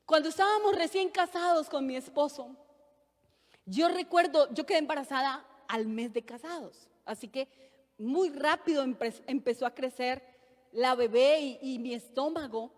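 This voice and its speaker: A woman's voice: high voice, moderate pace. A woman in her thirties preaching a sermon, giving an earnest personal testimony and building to fervent emphasis. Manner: earnest testimony, addresses listeners as brothers, rises to fervent emphasis. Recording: long hall reverb.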